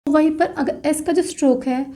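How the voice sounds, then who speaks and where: A woman teaching a shorthand class, spelling out example words slowly and deliberately in mixed with terms. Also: high voice, steady tone, dark tone. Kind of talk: explaining lesson.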